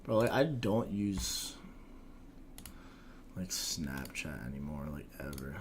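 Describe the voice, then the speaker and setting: Young guy livestreaming trades, husky smoker-ish voice, slow mumbly slang, faint hiss behind. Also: rumbling low, animated. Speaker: forex trader streaming live. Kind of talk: casual live-stream chat.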